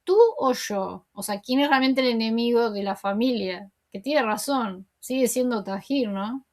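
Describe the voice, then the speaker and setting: A woman's voice: fairly high pitch, a little slow, a little mellow. A woman host casually retelling a TV episode, chatty and conversational, with frequent asides. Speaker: TV series recap host.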